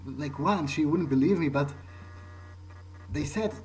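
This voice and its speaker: This man's voice sits on the high side and sounds a little mellow as he speaks unhurriedly, improvising in character while playing a game. As the host role-playing his character, he hesitates, thinks aloud and repeats words. Soft music plays behind him, the audio quality is poor, and background noise is clearly present.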